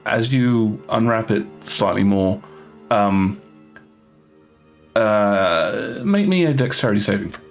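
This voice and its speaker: A man with a low voice narrates a tabletop game as its game master. He speaks in a relaxed, halting way, full of fillers and restarts. Soft music plays behind him.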